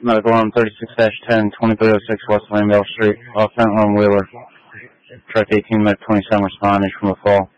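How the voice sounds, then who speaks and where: A man dispatching fire units over scanner radio, reading addresses and unit numbers in a measured, flat way, with static bursts breaking the signal. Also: fairly low pitch, dull audio. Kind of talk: dispatch radio call-outs.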